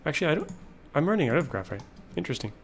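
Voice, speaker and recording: Racing along in a very animated, rather high voice, a gameplay video host muses casually about his production lines while playing a factory-building game, mentioning that he's losing his voice. Faint music plays behind him.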